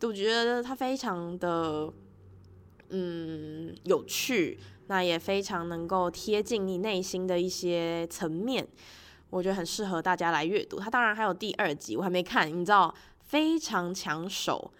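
A woman's voice: fairly low pitch, unhurried, fairly bright tone. Chatty woman hosting a casual podcast. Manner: laughs often while talking. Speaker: podcast host. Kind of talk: casual personal podcast monologue, chatty book review.

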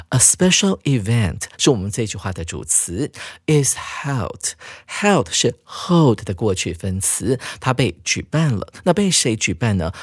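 A man explaining English grammar to students in a chatty, lively teaching manner. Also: mid-range voice, breathy edge, no echo, studio quality.

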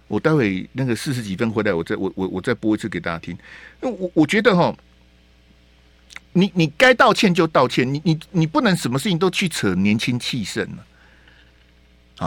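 一位带台湾口音的男电台主持人，语气激动地评论时事，常连声反问、重复字句。. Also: male voice, medium pitch, no echo. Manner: heated, rhetorical questions, repeats words. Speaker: radio talk show host. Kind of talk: opinionated political commentary. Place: radio studio.

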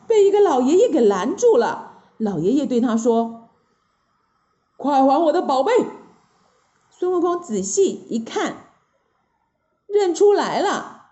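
A woman narrating a children's story in a lively, expressive way, often adding little fillers. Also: fairly high pitch, measured pace, pauses often, muffled recording.

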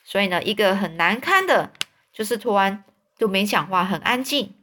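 A woman's voice: mid-range voice, expressive, normal speed, bright, forceful tone. A woman retelling a children's story in a loose, casual way, with fillers and repeats.

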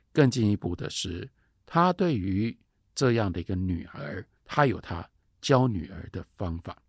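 A man's voice: on the low side, gravelly, slightly rough, no room sound, clean studio sound. A man giving a storytelling literature lecture, retelling scenes and quoting the characters.

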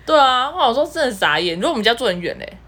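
A woman, co-hosting a casual podcast chat and telling stories quickly with giggles. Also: on the high side, sing-song, fairly bright tone. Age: 30s. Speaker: podcast co-host.

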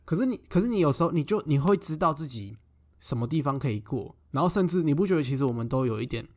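A man's voice: a little high, animated, fast, a little mellow. A young man co-hosting a casual podcast, teasing his friend bluntly and swearing freely. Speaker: podcast co-host. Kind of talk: casual chat.

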